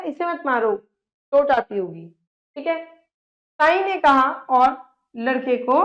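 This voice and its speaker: High-voiced woman teacher explaining a story. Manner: reads aloud, then restates in simple words. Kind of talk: reading and explaining a textbook story. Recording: dull lo-fi sound.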